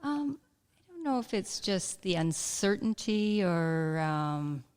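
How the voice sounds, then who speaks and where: A woman's voice: medium pitch, sing-song, slow pace, darkish tone, clear, resonant tone. A woman as an interview guest, speaking hesitantly and searching for her words in casual conversation.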